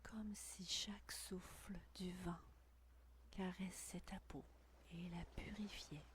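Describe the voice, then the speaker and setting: A woman whispering a guided meditation intimately, right by the ear, in a breathy, soothing, unhurried voice with long pauses. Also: lowish voice, steady tone. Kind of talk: guided meditation, scripted narration.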